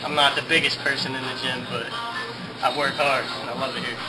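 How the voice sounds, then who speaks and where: A man's voice: mid-range voice, little pitch movement, a little fast, loud music behind the voice, rough recording. A young man giving a casual, upbeat testimonial as a gym member, filmed in an indoor gym.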